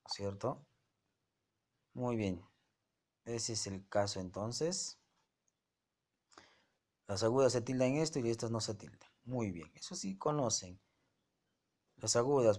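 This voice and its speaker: A man's voice: lowish voice, a little mellow. A male teacher explaining a grammar lesson to his students, often checking their understanding with rhetorical questions. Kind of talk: online class lesson.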